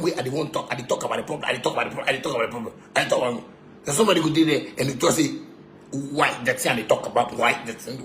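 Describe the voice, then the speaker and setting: A man with a Ghanaian accent and a bright-ish mid-range voice launches into an angry, confrontational rant in Pidgin and broken English. He repeats himself and hurls insults, recorded in an echoey room with background noise.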